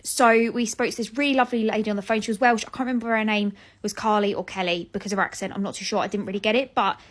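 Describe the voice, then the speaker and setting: A young woman with a British accent tells a story straight to camera in a loose, chatty way. She sounds exasperated and swears casually as she goes. Her pitch sits in the middle range for a woman. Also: fairly even intonation, very fast. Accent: British English. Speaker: vlogger.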